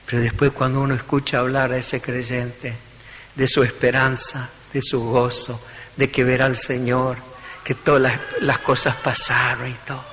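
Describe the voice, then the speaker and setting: A man's voice: medium pitch, fairly bright tone, long reverb tail, slight background noise, low-quality recording. A man preaching a sermon as pastor, building emphasis through short repeated phrases.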